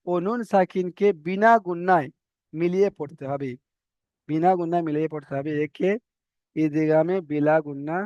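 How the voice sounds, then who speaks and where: High-voiced man spelling out a slow lesson. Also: dark tone, dry recording, dull audio. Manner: slow, drawn-out letter-by-letter spelling with repeated checks. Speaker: Quran reading teacher.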